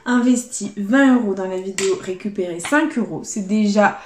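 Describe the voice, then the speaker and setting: A young adult woman commenting casually to her viewers as she scratches lottery tickets, spelling out letters and swinging between dread and excitement. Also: medium pitch, moderate pace, roomy sound.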